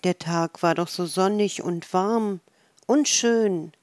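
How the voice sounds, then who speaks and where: A woman narrating a children's storybook in a calm, measured way. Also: fairly low pitch, no room sound.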